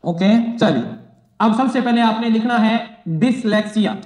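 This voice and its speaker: High-pitched teacher in echoey room. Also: male voice, slow pace, a little mellow. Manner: repetitive, drills phrases, asks and answers own questions. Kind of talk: exam-prep classroom lecture.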